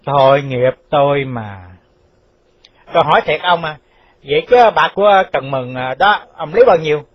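A man's voice: a little high, normal speed, no room sound, lightly acted. A man voicing a vengeful escaped male convict who speaks firmly and scoldingly. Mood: reproachful. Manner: firm, scolding. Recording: dull lo-fi dry recording.

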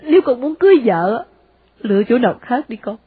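A woman with a Southern Vietnamese accent voicing an anguished, devout older mother who implores her son, in a husky voice. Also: a little high, big pitch swings, brisk, dry recording, phone-quality sound, voice pushed up, full character voice. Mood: pleading. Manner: imploring, sighing exclamations.

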